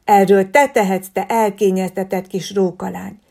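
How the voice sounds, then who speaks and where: A woman voicing an honest, stubborn little bear boy who speaks loudly and indignantly. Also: mid-range voice, steady tone, vocal fry.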